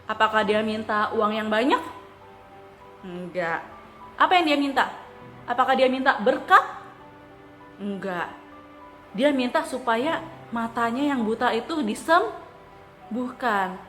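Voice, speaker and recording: Woman, children's church teacher, high-pitched, animated storytelling, roomy echo. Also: slow, long pauses. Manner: animated, asks children questions. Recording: echoey room with faint music.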